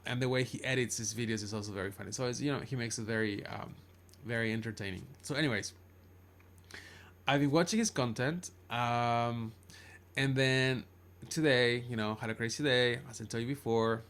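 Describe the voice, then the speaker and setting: A Chilean man, a native Spanish speaker with a Chilean accent, rambles through a casual, unscripted livestream monologue in English, frequently backtracking to correct himself. His mid-range voice is clear and resonant with a slightly bright tone.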